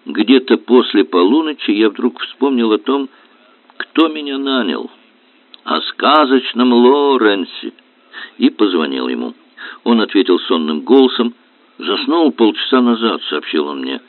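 A man reading a detective novel aloud in measured, even scripted narration. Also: on the low side, no room sound. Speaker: audiobook reader. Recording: dry, tinny phone-like sound.

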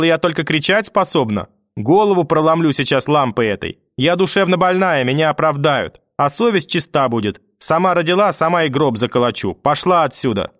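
A man's voice: on the high side, no room sound, clean studio sound, pitched above the performer's own voice. A man voicing a fierce desperate young mother. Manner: defiant shouting. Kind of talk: audiobook character voice.

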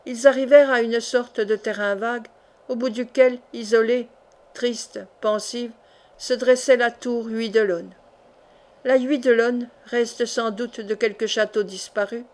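A woman narrating a classic adventure novel in a measured, expressive audiobook reading. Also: a little high. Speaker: audiobook reader.

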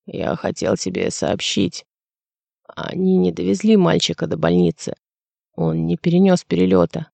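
A man voicing a somber male colleague who delivers bad news in a low, slow voice, in an audiobook reading. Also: big pitch swings, vocal fry, mellow, no echo, exaggerated voice. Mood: mournful.

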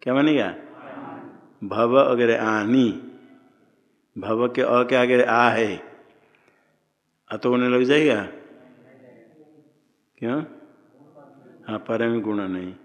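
A man teaching a Sanskrit grammar class, who keeps quizzing his students with questions. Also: mid-range voice. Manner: quizzing students, slow and deliberate. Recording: long hall reverb.

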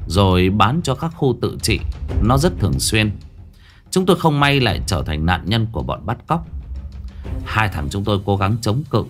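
A man narrating a first-person story in a gruff, dramatic way. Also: on the low side. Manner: gruff and dramatic, acting out his own shouted lines.

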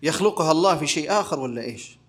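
A sheikh delivering a religious lesson in a notably high male voice. He keeps his listeners involved by throwing out questions and answering them himself, building each point in a teaching rhythm. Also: lively intonation, racing, husky. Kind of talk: religious lecture.

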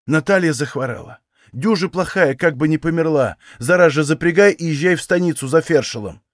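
A man's voice: fairly high pitch, expressive, fairly quick, no room sound, clean studio sound, lightly acted. A man voicing a stern but tender old peasant mother in her sixties who scolds and coaxes in an audiobook. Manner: firm scolding, then soft coaxing.

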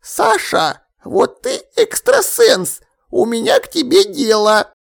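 A man voicing a fussy, gossiping elderly woman neighbor in an audiobook, with a scolding, conspiratorial manner and drawn-out exclamations. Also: very high-pitched, wildly swooping pitch, gravelly, voice pushed up, heavily acted. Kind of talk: audiobook character voice.

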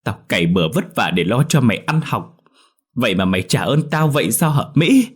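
A man's voice: fairly low pitch, animated, brisk, a little mellow, breathy edge. A man voicing a worried middle-aged country mother who pleads and frets over her daughter. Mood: anguished. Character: middle-aged rural mother, anxious and grieving.

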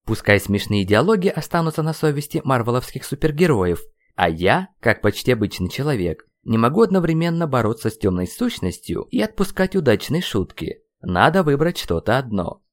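A man's voice: medium pitch, very animated, fairly quick, hardly any pauses. A man reading a fantasy audiobook as a first-person narrator, telling the story expressively. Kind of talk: scripted narration.

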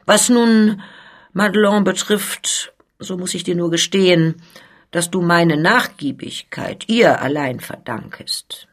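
A woman's voice: lowish voice, slow pace. A woman reading as a sly, menacing old goldsmith. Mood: coaxing. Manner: cold, threatening persuasion. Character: sly menacing older male master goldsmith.

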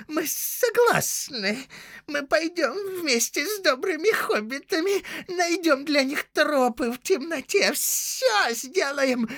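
Shrill, whimpering wretch, very high and swooping, dry studio sound. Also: male voice, fairly bright tone, no room sound, full character voice. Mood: fawning. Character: wretched whining male creature, split and pleading. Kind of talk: audiobook character voice.

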